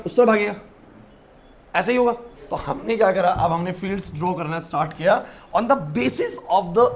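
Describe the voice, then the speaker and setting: A man's voice: high voice, slight background noise. A man teaching a physics class, often stopping to check that his students follow and mixing English terms into his explanations. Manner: asks students to confirm understanding; mixes English terms into Hindi. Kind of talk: classroom lecture. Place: classroom with whiteboard.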